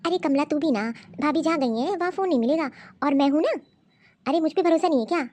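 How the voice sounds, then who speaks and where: A woman voicing a scheming, bossy young sister-in-law in an animated cartoon story, coaxing and ordering others about. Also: high voice, fast, close to an everyday voice.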